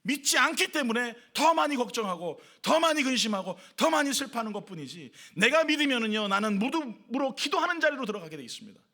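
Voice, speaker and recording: A man's voice: extremely high pitch, sing-song, fast talker, few pauses, sharp tone. A man pastor preaching a sermon at a church worship service, emphatic, stacking rhetorical questions and repeated lists.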